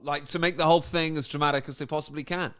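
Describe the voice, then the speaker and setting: A man's voice: a little high, steady tone, fast talker, background noise. A man doing comedic commentary on a video, firing off sarcastic, incredulous rhetorical questions.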